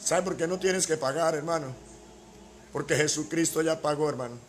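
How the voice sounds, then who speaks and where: A man's voice: fairly high pitch, moderate pace. A man preaching a sermon as pastor, emphatic, with rhetorical questions and repeated key words.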